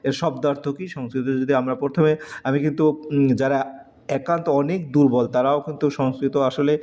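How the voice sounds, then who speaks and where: Male tutor, mellow drawn-out recitation, lo-fi sound. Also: mid-range voice, steady tone. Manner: slow, drawn-out recitation of letters and numbers. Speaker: teacher. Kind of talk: exam-prep lesson. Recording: dull lo-fi recording.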